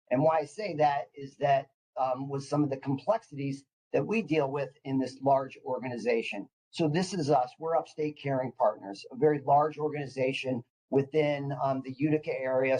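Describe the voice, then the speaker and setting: A man with a medium-pitched voice gives an informal professional presentation. He comes across as psyched, like someone on a few coffees, eagerly pushing on through hesitations and restarted phrases. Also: a little mellow, low-quality recording. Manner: enthusiastic, psyched; caffeinated, eager talker who hesitates and restarts mid-phrase. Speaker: clinical department director presenting.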